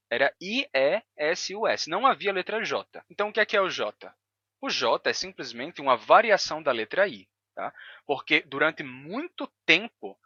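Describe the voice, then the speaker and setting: A man with a Brazilian Portuguese accent explaining language in a video lesson. He talks in a didactic way and repeats sounds slowly to demonstrate them. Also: mid-range voice, bright, forceful tone, no echo, muffled recording. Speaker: language educator.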